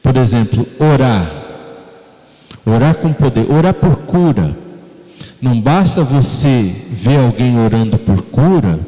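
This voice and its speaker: A man's voice: mid-range voice, sing-song, unhurried, mellow. A man with a Brazilian Portuguese accent preaching a sermon as pastor, talking conversationally and putting questions to the congregation. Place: church sanctuary. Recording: long church-hall reverb.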